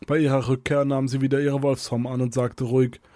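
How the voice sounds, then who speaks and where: A man reads a fantasy adventure aloud in a steady, even storybook voice. His pitch sits in the middle, and the sound is dry and close with no room echo. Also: a little fast. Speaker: narrator. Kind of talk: scripted storybook narration.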